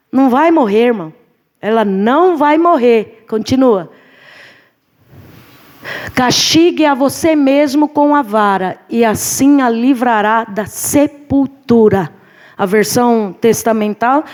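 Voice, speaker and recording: Uma mulher com sotaque brasileiro dando aula de escola dominical na igreja, em tom animado de pregação, chamando a turma de irmãos. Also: female voice, sits high. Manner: lively, preacherly, addresses the class as brothers. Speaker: Sunday school teacher. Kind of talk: church Bible class lesson. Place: church hall.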